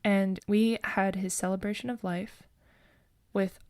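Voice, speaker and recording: A young woman co-hosting a podcast, telling her sister a personal ghost story in an earnest, emotional way, dropping to a hush at the eerie parts. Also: medium pitch, level tone, unhurried, no room sound, clean studio sound. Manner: earnest, emotional, builds up the story with hushed tones. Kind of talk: casual chat and storytelling.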